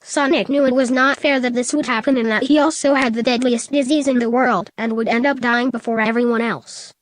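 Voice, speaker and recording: A woman's voice: fairly high pitch, steady tone, a little fast, slight background noise. Woman reading fan fiction aloud.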